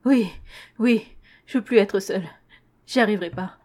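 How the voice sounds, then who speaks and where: A woman's voice: medium pitch, a little slow, a little mellow, natural voice. A woman voicing a terrified ordinary man who pleads and sobs in a story reading. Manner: pleading, panicky, tearful.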